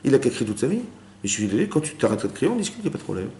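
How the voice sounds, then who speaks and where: A rabbi races through a Torah lesson for a women's class, his mid-range voice sing-song and mellow. He uses Hebrew terms and keeps asking if his listeners got it, in a lecture room that sounds roomy with faint background noise.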